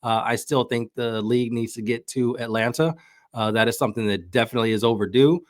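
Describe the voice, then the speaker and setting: A man speaks briskly with fairly even intonation in a mid-range voice, recorded cleanly in a studio without room sound. Guesting on a podcast, he gives casual, opinionated takes on soccer, working through his ideas out loud.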